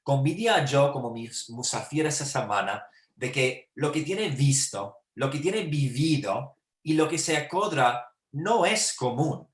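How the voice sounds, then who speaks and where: A male host introduces guests over a video call in a friendly, unhurried way. His voice sits mid-pitched, and the room adds a noticeable echo. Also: lively intonation. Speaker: host of an online talk series. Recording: roomy echo.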